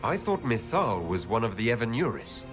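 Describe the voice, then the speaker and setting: Game casting: thoughtful elven leader, lowish pitch, earnest, probing, deliberate, music underneath. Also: male voice, sing-song. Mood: probing, serious. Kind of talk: dramatic video game dialogue.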